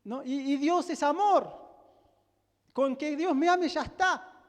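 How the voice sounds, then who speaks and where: High-voiced Rioplatense pastor, slow sermon. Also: male voice. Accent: Rioplatense Spanish. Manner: emphatic, asks the congregation rhetorical questions. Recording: long hall reverb.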